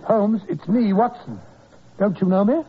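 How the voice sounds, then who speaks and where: An actor playing a steady, kindly male doctor who narrates and reassures in a brisk, earnest way, in 1940s radio acting. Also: sits high, slight background noise. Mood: concerned. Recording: muffled old radio broadcast.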